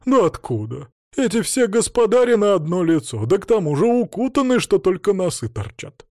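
A man's voice: sing-song, normal speed, darkish tone, no echo, studio quality. A man voicing a panicky, squealing middle-aged woman held captive, who shrieks and chatters. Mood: chatty. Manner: shrill, squealing, tearful, chattering.

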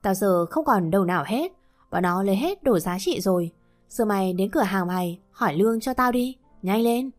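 A woman's voice: mid-range voice, expressive, moderate pace, natural voice. A pushy older woman presses for money in short, insistent lines. A woman narrator voices her in her own voice. Faint music runs under her. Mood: demanding. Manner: demanding, pushy.

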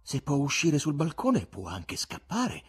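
A brash young poet, as a man reads him, blurting out heated answers. The voice sits above the reader's own, louder and rough-edged. His pitch jumps around a lot. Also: huge pitch swings, measured pace, exaggerated voice. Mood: agitated. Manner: blunt, heated outbursts. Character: young brash impulsive male poet patient.

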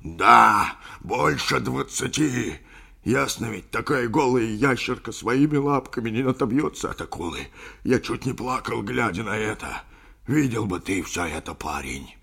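A man's voice: mid-range voice, lively intonation, a little slow, vocal fry, pushed and bright, slightly rough, full character voice. A man voicing an older, sentimental sea captain who rambles through a yarn in an audiobook. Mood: excited. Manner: rambling folksy storytelling, addresses listener as brother. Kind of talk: audiobook character reading.

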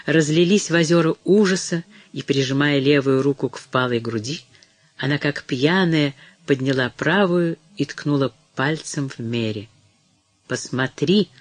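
A man narrating an audiobook in a measured, dramatic reading. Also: fairly high pitch, dry recording. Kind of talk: scripted narration.

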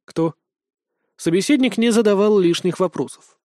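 A man narrating an audiobook in a steady, dramatic storytelling manner. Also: high voice, fairly quick, dry recording, clean studio sound. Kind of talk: scripted narration.

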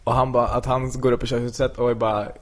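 A man retelling an anecdote in relaxed podcast chat. He talks animatedly, voice at a middling pitch, and breaks into laughs often. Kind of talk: casual chat.

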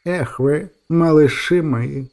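A soft, tender old woman, as a male storyteller puts her on, her voice raised a little and hushed. She talks fondly and tearfully in a mellow, warm tone, like a grandmother in a storybook. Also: fairly high pitch, slow. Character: old woman, emotional, gruff yet tender.

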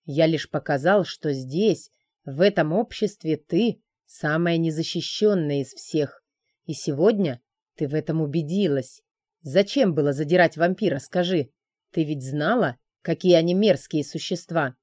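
A woman's voice: low voice, measured pace, darkish tone, no echo, clean studio sound. A woman voicing a stern, protective male dragon in a storybook reading, speaking in a clipped, lecturing way.

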